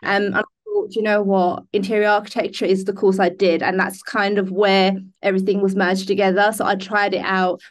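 A woman's voice: medium pitch, level tone, fairly quick, few pauses. A young woman born in Denmark, a business founder speaking in a video call interview, hesitant with many ums and restarts. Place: indoor room. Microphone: laptop webcam on a video call.

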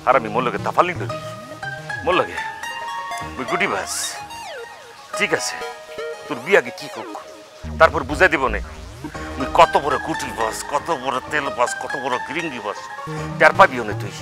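A man's voice: medium pitch, lively intonation, normal speed, long pauses, music in the background, close to an everyday voice. An actor playing a quarrelsome, taunting village young man in a comedy TV drama.

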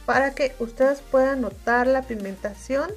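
Woman, Mexican Spanish accent, high pitch, calm step-by-step makeup tutorial, soft music underneath. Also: unhurried. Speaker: makeup reviewer.

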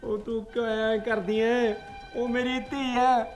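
A man's voice: very high-pitched, little pitch movement, measured pace, faint music behind. An actor playing an older farmer grandfather who pleads tearfully with his wife in a short drama. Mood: pleading.

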